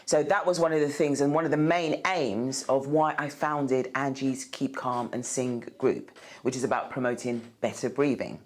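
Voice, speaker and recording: Relaxed woman vocalist from North London. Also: rumbling low, moderate pace, few pauses. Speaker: professional vocalist. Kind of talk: interview speaking to camera.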